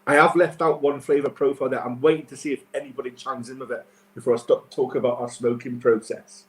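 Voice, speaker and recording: Guy doing sommelier style tasting notes on a livestream, kinda halting and casual, echoey room, normal pitch. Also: steady tone, a little hiss or hum. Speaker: whisky tasting presenter.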